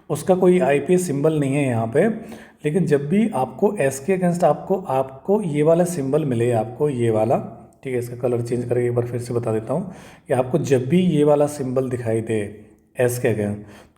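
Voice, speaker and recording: A man's voice: medium pitch, mellow. A man teaching English pronunciation in a casual video lesson, repeating sounds and checking in often with "okay" and "right".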